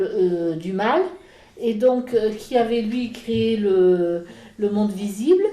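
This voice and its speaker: A woman's voice: medium pitch, dark tone. Hesitant woman explaining history, roomy sound. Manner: halting, many fillers and restarts. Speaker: speaker on a church history talk. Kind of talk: informal history lecture in conversation.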